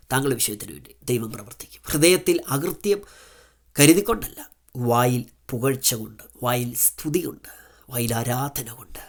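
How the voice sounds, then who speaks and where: A man with a Malayali accent preaching a devotional sermon, rising to loud pleas and dropping to soft prayer. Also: mid-range voice.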